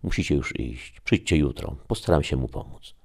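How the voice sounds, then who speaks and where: A man with a deep, gravelly voice playing an elderly female herbalist said to be a witch, speaking in a harsh, raspy, commanding way in a storybook reading. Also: expressive, moderate pace, a little mellow, exaggerated voice. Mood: curt. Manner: curt, commanding.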